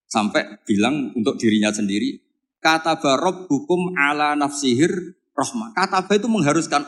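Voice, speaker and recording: A man with a Javanese accent giving a relaxed religious lecture, teasing his audience and quoting Arabic verses. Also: medium pitch. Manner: jokey, teasing the audience, mixing in Arabic quotes. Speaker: Islamic preacher. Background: audience laughter.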